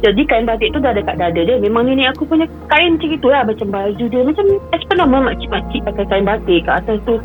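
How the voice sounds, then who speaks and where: A woman's voice: on the high side, animated, quick pace, few pauses, soft background music, rough recording. A woman, calling in to tell a personal story and slipping English phrases into her telling, often repeating herself. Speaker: caller. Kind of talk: personal storytelling on a call-in show.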